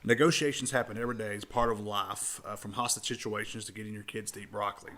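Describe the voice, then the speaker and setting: Casual man with a lowish voice. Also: steady tone, fast, sharp tone. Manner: loose, repetitive phrasing with frequent fillers and restarts. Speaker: podcast host. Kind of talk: casual book summary talk.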